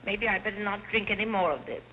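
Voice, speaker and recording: A woman's voice: medium pitch, quick pace, a little hiss or hum, natural voice. An actress playing a dazed, childlike society lady, plaintive and wandering through dreamy 1930s screwball comedy banter. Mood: fluttery, dreamy. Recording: thin tinny old film soundtrack, music behind.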